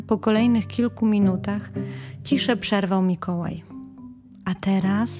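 A woman narrating a children's story in a gentle, clear storytelling manner. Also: medium pitch. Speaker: audiobook narrator.

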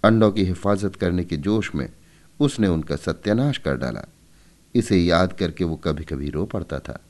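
A man narrating a story in an expressive, measured storybook reading. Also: deep voice.

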